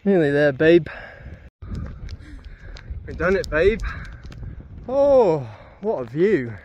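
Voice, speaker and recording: A young man vlogs into a phone camera held at arm's length while hiking a rainy, misty hilltop. His slightly high voice is very animated yet slow, and he sounds breathless and chatty, laughing between remarks as he narrates his travels. The recording is muffled with a noisy background.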